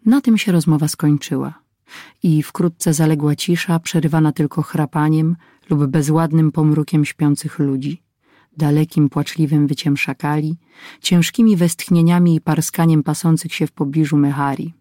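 Adventure audiobook narrator, even and mellow, dry sound. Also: mid-range voice, moderate pace, dry recording.

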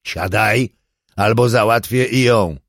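A cruel armed burglar in a spoken audiobook, mocking and menacing, drawing out his threats slowly in a raised, hard voice, as a male narrator puts him on. The sound is close and dry. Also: lowish voice, fairly bright tone, no room sound. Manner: taunting, slow threatening delivery.

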